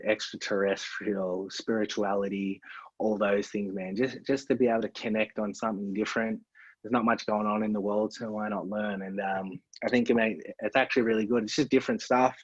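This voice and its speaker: A man's voice: fairly low pitch, slightly rough, no room sound. A man, a podcast guest chatting in a laid-back way, dropping "man" and "like" often. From Australia. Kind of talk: casual podcast conversation. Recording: dull, lo-fi and dry.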